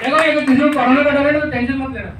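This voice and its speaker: A man's voice: extremely high pitch, fairly even intonation, very fast, a loud crowd. A middle-aged man giving an emphatic motivational talk to a business team in a meeting room, repeating points and asking rhetorical questions. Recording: echoey room, mic far off, faint noise.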